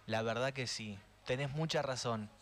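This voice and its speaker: A friendly, easygoing radio host in his twenties chats casually, asking curious questions in an Argentine Spanish accent. His mid-range voice is fairly bright and moves at a moderate pace.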